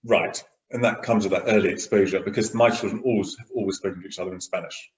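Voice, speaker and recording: Middle-aged male host, relaxed chatty delivery, slightly low, roomy. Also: fast talker, lo-fi sound. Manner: chatty, many "you know" fillers. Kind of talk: casual conversational chat. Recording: roomy echo.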